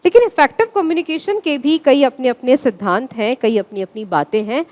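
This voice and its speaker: A woman's voice: sits high, lively intonation, a little fast, darkish tone. A woman teacher giving a classroom lecture, asking the students questions and answering them herself.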